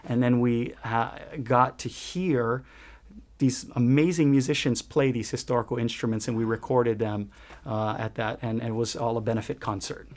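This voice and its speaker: A middle-aged man from Hawaii who owns a ukulele shop answers questions as a guest in a conversational interview. His mid-range voice is steady and a little mellow, at a moderate pace. He speaks earnestly, with many restarts and fillers.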